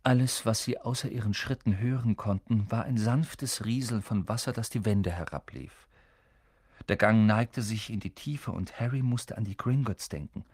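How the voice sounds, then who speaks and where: A man narrating a fantasy audiobook with expressive, dramatic storytelling and a husky voice. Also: lowish voice, normal speed, dry recording, studio quality.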